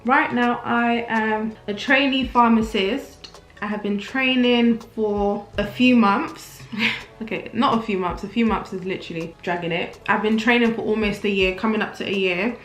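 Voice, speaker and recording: A Nigerian woman in her twenties with a British accent chats candidly while getting ready at her mirror at home, tossing in self-mocking asides for her get-ready-with-me vlog. Her voice is medium-pitched and fairly even at a moderate pace, and the room sounds roomy.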